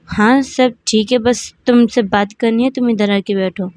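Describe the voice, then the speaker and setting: A woman's voice: fairly high pitch, fairly even intonation, darkish tone, no room sound, close to an everyday voice. A woman voicing a strict mother who nags and scolds her grown son with sarcasm. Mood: scolding. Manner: nagging, sarcastic, quick-tempered.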